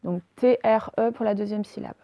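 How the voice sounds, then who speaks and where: Brief: woman teacher, mid pitch, slow patient dictation, dry close sound. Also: no echo, dull audio. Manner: slow, careful dictation, spelling letter by letter. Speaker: primary school teacher. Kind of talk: recorded remote spelling lesson.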